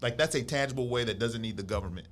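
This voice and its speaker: A man, a podcast guest who talks in halting, restarting phrases in a casual chat. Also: medium pitch.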